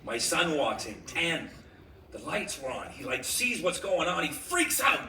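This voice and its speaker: High-voiced male stand-up comic. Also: big pitch swings, measured pace, bright, forceful tone. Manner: storytelling with acted-out voices, punchy delivery. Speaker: stand-up comedian. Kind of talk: stand-up comedy set. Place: comedy club stage before a live audience. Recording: echoey club recorded from far off, noisy.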